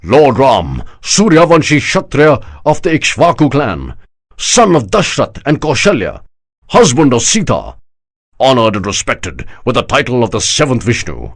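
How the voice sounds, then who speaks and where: In an audiobook, a male narrator voices a proud army general who is scornful and unbending. His husky voice has a lively, swinging pitch and a slightly slow, heavily acted delivery, spoken with flat certainty.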